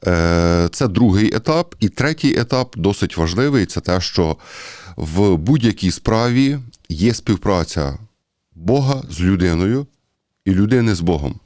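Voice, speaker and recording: Low-voiced Ukrainian man giving a talk. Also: lively intonation, a little slow, darkish tone, no room sound, studio quality. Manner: conversational, with frequent hesitations; speaks directly to the audience. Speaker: priest. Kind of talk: sermon-style Bible commentary.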